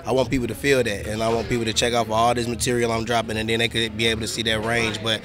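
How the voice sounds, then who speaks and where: A man's voice: lowish voice, flat delivery, rapid-fire, crowd noise. A male rapper giving a casual, slangy interview, peppering his talk with conversational tag phrases. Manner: slangy, full of 'you know what I mean' tags. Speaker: rapper and musician being interviewed. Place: music awards event.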